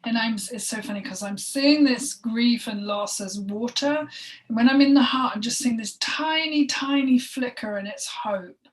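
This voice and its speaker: Woman leading a halting healing session. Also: on the high side. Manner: halting and emotional, with sighs and soft breathy asides. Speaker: healing session practitioner and co-host. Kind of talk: spoken energy healing session. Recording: voice distant from the mic.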